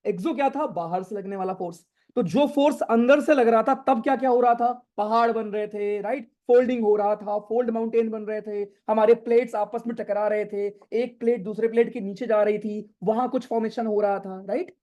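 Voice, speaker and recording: A man's voice: high voice, little pitch movement, normal speed, hardly any pauses, warm tone. A young man teaching a live online class, chatty, mixing Hindi and English and often checking "right?" with students. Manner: chatty, reads student questions, asks "right?" often. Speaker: online exam-prep teacher.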